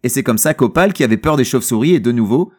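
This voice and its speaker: A man's voice: medium pitch, expressive, quick pace, darkish tone. A man co-hosting a casual podcast about a novel, joking and rambling with many fillers. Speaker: podcast co-host. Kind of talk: casual book discussion.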